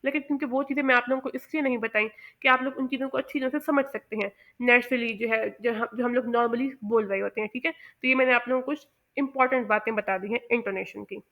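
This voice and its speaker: A woman with a fairly high voice gives a lesson on pronunciation. She explains step by step in a measured way and often stops to say "uh". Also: steady tone, narrow, tinny audio. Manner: measured and explanatory, with many "uh" pauses. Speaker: English pronunciation teacher.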